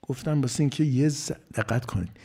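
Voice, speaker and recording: A man preaching a sermon, moving from loud, emphatic phrases to near-whispers. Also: medium pitch, breathy edge. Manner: dramatic swings from loud to whispered.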